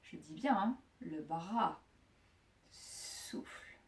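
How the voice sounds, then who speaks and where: A woman fitness instructor guiding a Pilates class, calmly cueing each breath, with joking asides now and then. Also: mid-range voice, a little slow. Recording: echoey room, voice from far off.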